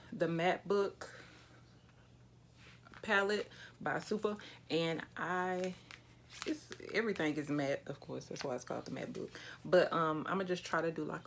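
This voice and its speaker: A woman's voice: sits low, vocal fry, a bit bright, a little hiss or hum. A thirty-year-old woman chatting candidly and casually while doing her makeup, with easy slang and some swearing, recorded in a small room facing the camera. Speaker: beauty vlogger. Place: small indoor room with a plain backdrop.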